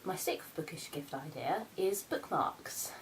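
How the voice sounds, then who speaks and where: A woman's voice: sits low, expressive, a little slow, slight background noise, rough recording. A woman playing Santa's sassy, self-important grown daughter in a campy comic vlog, presenting gift ideas theatrically. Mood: chatty, smug.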